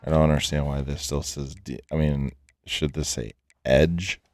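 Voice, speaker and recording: This gaming channel host is a middle-aged man losing his voice, and it sits at an extremely low pitch. He chats through a football video game at normal speed, loose and rambling with plenty of fillers. There's no echo, just faint background music.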